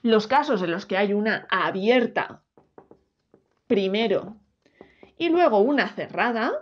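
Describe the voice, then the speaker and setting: A woman with a Spanish accent from Spain, teaching a grammar lesson and sounding out words slowly, syllable by syllable. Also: mid-range voice, expressive, slight background noise. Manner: slow, careful syllable-by-syllable demonstration. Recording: dull lo-fi recording.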